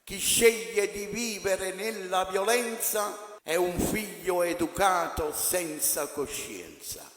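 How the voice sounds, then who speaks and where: A man's voice: high-pitched, animated, slow, fairly bright tone. A man reciting sayings in formal Italian, line by line. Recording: echoey hall, noisy.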